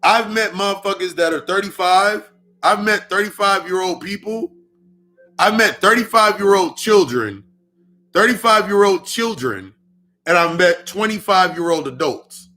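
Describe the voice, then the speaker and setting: A man in his thirties gives a casual spiritual talk in a high, expressive voice at a measured pace. His tone is bright and forceful, and he swears often and repeats lines for emphasis.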